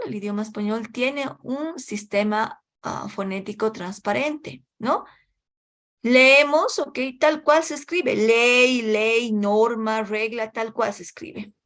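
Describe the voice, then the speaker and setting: A woman teaching an English class at an unhurried, slow pace. She checks in with her students every few phrases and drops English words into her explanations. Her voice sits at a middle pitch. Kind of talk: online class lecture.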